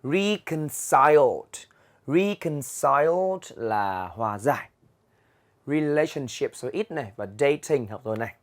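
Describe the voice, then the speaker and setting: A young man with a Vietnamese accent teaching English vocabulary, patiently explaining words and reading them aloud slowly in a classroom. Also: mid-range voice, expressive. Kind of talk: vocabulary lesson for students. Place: classroom with a chalkboard.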